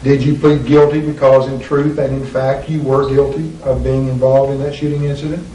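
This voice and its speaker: A male attorney heard on a courtroom-style deposition recording, his voice mellow and dark in tone. He asks formal questions slowly and deliberately, often pausing on "uh". The room is echoey, the mic sits some way off, and a faint hiss runs underneath. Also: mid-range voice, level tone. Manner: deliberate, measured, with frequent "uh" pauses. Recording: roomy echo, distant mic, faint hiss.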